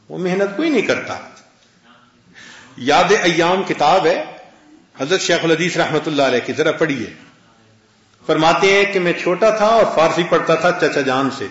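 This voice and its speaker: Man preaching with a lively, high voice. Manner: storytelling, quoting Arabic and scripture. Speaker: religious scholar. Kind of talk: sermon. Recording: echoey dull lo-fi recording.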